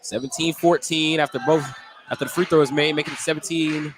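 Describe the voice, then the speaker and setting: Brisk and steady in tone, a man with a voice on the high side runs through the basketball action in short, clipped radio calls. He works play-by-play in an indoor gym during a game, with a noisy live sports backdrop.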